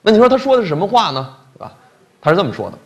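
A man giving a comic storytelling lecture in a colloquial, animated way, often asking the audience questions. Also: high-pitched, racing.

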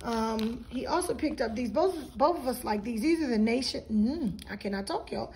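Talking straight to her viewers in a chatty, folksy style, a woman vlogger shows her grocery haul from her home kitchen. Her fairly high voice has a darkish, slightly rough tone, lively intonation, and a moderate pace. The handheld phone behind the camera makes for a rough recording.

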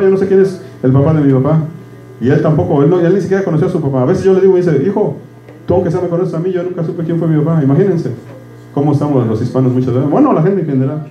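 A man's voice: fairly high pitch, mellow, lo-fi sound. A middle-aged man preaching a sermon as pastor. He keeps asking the congregation "right?" and slips English words into his talk. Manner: conversational, asks "¿verdad?" constantly, switches into English words. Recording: echoey room with faint hum.

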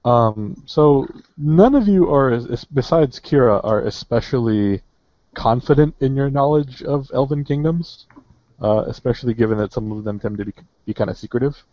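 A man's voice: medium pitch, moderate pace, warm tone, no echo, muffled recording. A man running a tabletop game as game master, hesitant and full of fillers.

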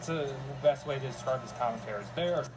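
A worn-out man rants after a long work week, stumbling through restarts and fillers in a mid-range voice. He seems to be in a vehicle, and a heavy roar of road and air noise sits under everything he says. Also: mid-range voice. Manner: halting, many fillers and restarts. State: tired, exhausted. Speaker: ranter answering critic. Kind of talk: casual rant.

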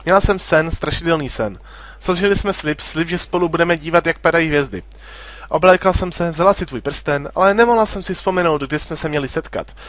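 Soft young sorceress girl in love, guy just reading her lines, kinda high voice, dry sound. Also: no echo, lightly acted. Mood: wistful. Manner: plain reading of a translated game script.

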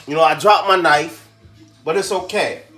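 A man's voice: on the high side, normal speed, sharp tone, faint music behind. A man hosting a home cooking show, talking casually to viewers in slang while he fills potatoes. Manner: slangy, chatty, talks to viewers as he cooks.

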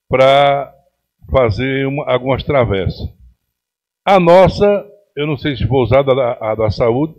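A man's voice: medium pitch, highs cut off. A middle-aged man with a Pernambuco accent giving an emphatic, indignant plenary speech as a city councillor at a podium microphone in a council chamber. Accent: Pernambuco Brazilian Portuguese. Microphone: podium microphone on stand.

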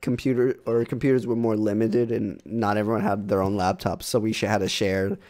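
A man's voice: on the low side, a little fast. A young man, a podcast co-host, chatting casually and acting out the voices in his stories. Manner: animated storyteller, acts out quotes. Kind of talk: casual chat.

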